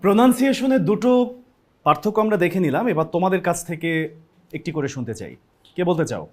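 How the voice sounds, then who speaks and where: A man hosts a classroom lesson at a rapid clip. His voice sits high, and he keeps an upbeat tone as he turns to the students. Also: sing-song. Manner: upbeat, addresses students directly. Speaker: classroom program host. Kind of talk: presenting a classroom lesson, Bengali mixed with English.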